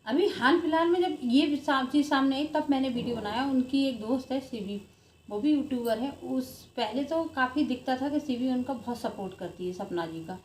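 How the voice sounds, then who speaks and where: Her voice is high-pitched with a darkish tone and moves at a normal speed. The Indian video blogger offers casual, earnest commentary, emphatic and prone to looping back on her points, in an echoey room where faint noise lingers in the background.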